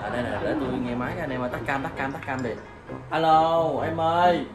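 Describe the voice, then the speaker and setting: A man's voice: medium pitch, steady tone, racing, over music, crowd noise. A man hosting a casual prank vlog, talking chattily and straight to his viewers. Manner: chatty, addresses viewers directly. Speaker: vlogger.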